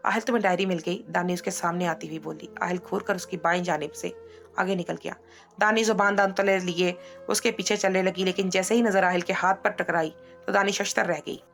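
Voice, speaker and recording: A woman narrating a romance novel in a steady storytelling voice. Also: on the low side, a little fast, vocal fry, faint music behind.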